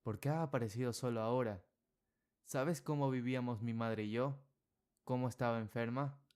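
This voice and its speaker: Narrator voicing a bitter nine-year-old boy, quiet and reproachful, storybook. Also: mid-range voice, moderate pace, smooth, natural voice.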